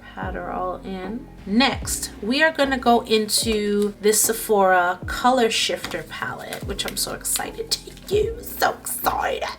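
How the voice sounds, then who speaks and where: A woman's voice: medium pitch, vocal fry. A woman chatting playfully through a makeup tutorial, joking to herself as she works. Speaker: beauty vlogger. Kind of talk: casual makeup tutorial chat.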